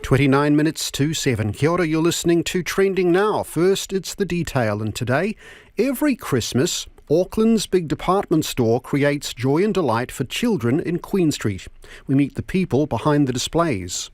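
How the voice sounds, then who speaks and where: A man, a radio presenter reading headlines and introducing the next segment in a brisk, formal way. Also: fairly high pitch, expressive.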